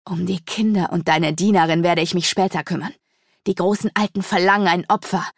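A woman's voice: on the low side, steady tone, a little fast, no room sound, clean studio sound. A woman doing a cold, cruel iron angel. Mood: cold menace. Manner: cold, commanding, menacing. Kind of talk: audiobook character voice.

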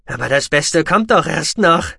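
A man voicing a furious, vengeful male researcher who shouts in anger and gloats over his enemy. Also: on the high side, expressive, a little slow, creaky, husky, no echo, studio quality, pitched above the performer's own voice, heavily acted. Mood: gloating. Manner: angry, triumphant, loud.

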